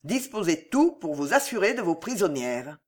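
A reader voicing a cold, scheming nobleman, speaking in a grim, commanding, measured way in an audiobook. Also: sits high, big pitch swings. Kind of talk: audiobook character voice.

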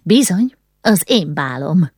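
A spirited young noble girl in a spoken storybook, eager and persuasive as she makes her case, voiced by a woman narrator. Her pitch moves lively over a low base. The recording is dry and close. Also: husky, no room sound.

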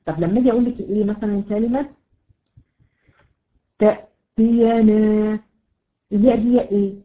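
A woman with an Egyptian accent teaching a tajweed lesson, slowly drawing out example words with many fillers. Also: mid-range voice, dull audio. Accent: Egyptian Arabic. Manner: patient, drawn-out example words, frequent fillers. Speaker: Quran recitation teacher.

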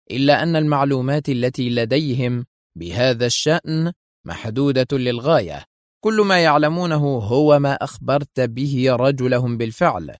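A man's voice: medium pitch, dry recording, clean studio sound, lightly acted. A man voicing an irritable male intelligence officer who argues sharply and insistently.

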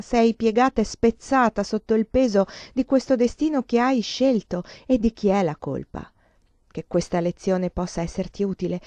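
A woman voicing a worldly, pleasure-loving young courtesan who speaks to her sister gently and slowly, in a dull lo-fi recording. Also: mid-range voice, no room sound, lightly acted.

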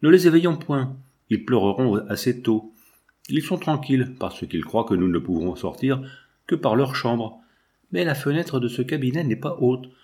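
An earnest, pleading young girl speaks to her family, read out by a man in his own voice. The audiobook delivery stays close to the storyteller's plain tone. Her words come steady and heartfelt. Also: mid-range voice. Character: young devoted peasant girl, daughter. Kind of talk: audiobook reading.

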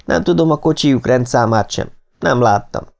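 A man's voice: mid-range voice, expressive, vocal fry, pitched above the performer's own voice. A man voicing a frightened male captive who pleads with his kidnappers. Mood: pleading. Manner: pleading, agitated.

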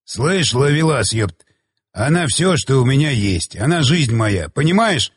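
A man voicing a gruff, jealous middle-aged father who talks in crude, curt growls. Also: mid-range voice, very animated, unhurried. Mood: grumbling.

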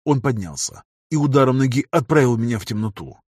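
A man narrating a first-person audiobook in an even, measured reading. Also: medium pitch, breathy edge, dry recording, studio quality.

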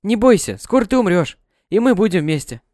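A man voicing an eerie little ghost girl, a coaxing, insistent dark twin in a storybook. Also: sits high, big pitch swings, brisk, dry recording, studio quality, pitched above the performer's own voice.

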